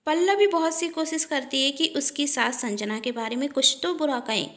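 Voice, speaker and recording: A woman narrating a scripted family story in a plain, steady way. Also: high voice, normal speed.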